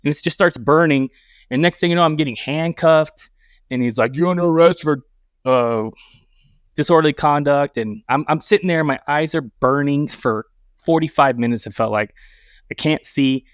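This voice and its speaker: A man on a podcast as a guest, telling a long story in a casual, animated way, full of swearing and acted-out dialogue. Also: fairly high pitch, moderate pace, dry recording, studio quality. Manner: animated, profane, acts out dialogue.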